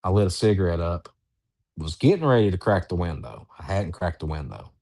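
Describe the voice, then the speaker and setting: A man who researches Bigfoot, telling a story in a halting, drawn-out way with many restarts. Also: sits low, sing-song, vocal fry, mellow, no echo, studio quality. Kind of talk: storytelling in an interview.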